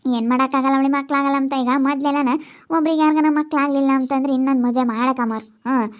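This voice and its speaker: A woman's voice: high voice, fairly even intonation, fast talker, highs cut off, close to an everyday voice. A woman playing a worried older mother who scolds her daughter's husband. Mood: scolding. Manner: scolding, pleading. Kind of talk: amateur family drama skit.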